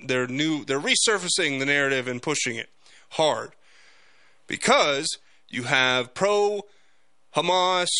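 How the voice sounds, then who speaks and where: A man hosting a political talk podcast, speaking off the cuff in a halting but emphatic monologue. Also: fairly high pitch, bright, forceful tone, no echo.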